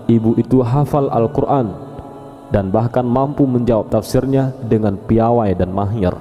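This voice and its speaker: Mellow-voiced male storyteller in a hall. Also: mid-range voice. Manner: calm, steady storytelling. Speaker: narrator. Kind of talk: storytelling narration. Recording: long reverb over faint background music. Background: faint music.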